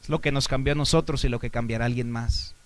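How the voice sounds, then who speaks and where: A Mexican man, a pastor, preaching a sermon with a Mexican Spanish accent. He poses rhetorical questions to the congregation and swings between loud exhortation and quiet asides. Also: mid-range voice, steady tone, fast talker.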